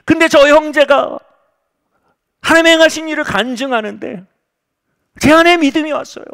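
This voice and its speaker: A woman's voice: high-pitched, moderate pace, gravelly, fairly bright tone, pitched above the performer's own voice. A man voicing an earnest young woman pleading. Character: young woman deaf in one ear, pleading with faith.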